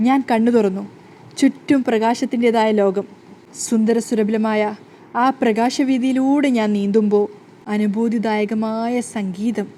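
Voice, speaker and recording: A woman voicing a dreamy, touchy young husband who talks slowly and drawn out. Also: a little high, fairly even intonation, warm tone, a little hiss or hum, lightly acted.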